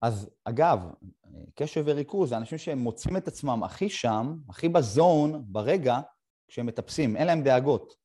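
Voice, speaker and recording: Middle-aged guy hosting a chat, mellow dark voice, halting storytelling with pauses. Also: medium pitch, lively intonation. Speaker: podcast host. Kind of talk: casual conversation.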